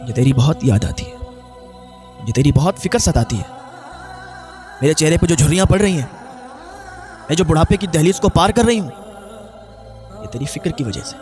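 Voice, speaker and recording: A frail, worried old mother speaks gently and pleads softly, as a preacher puts her on. His voice stays fairly high, with faint music behind. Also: animated, brisk, long pauses, close to an everyday voice. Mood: tender.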